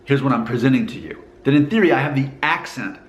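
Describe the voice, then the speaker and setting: A vlogger from Alabama, USA, speaks in a mid-range voice with lively intonation and a quick pace, and the sound is roomy. His accent is mostly neutral American with a faint Southern hint as he muses casually to the camera and asks viewers questions.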